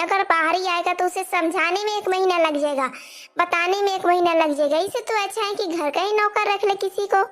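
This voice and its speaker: Woman voicing a cartoon mother-in-law, bossy, nagging, lecturing, very high-pitched. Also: a bit bright. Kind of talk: cartoon voice acting.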